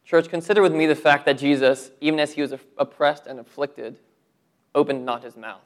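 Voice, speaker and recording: A man preaching a sermon to his church, earnest, with rhetorical questions and drops to a low voice for emphasis. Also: steady tone, fairly quick. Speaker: pastor.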